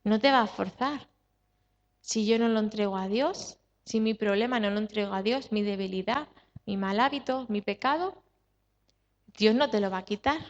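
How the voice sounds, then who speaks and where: A woman's voice: medium pitch, moderate pace. Woman pastor preaching in a reverberant church. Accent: Spanish from Spain. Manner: emphatic, repetitive, rhetorical questions to the congregation. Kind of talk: sermon. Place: church hall. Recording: dull sound with long hall reverb.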